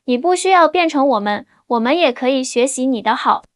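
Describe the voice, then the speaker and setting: A woman voicing a kindly, humble older father-in-law in an audio story, speaking gently. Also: high-pitched, lively intonation, a little fast, no echo, studio quality.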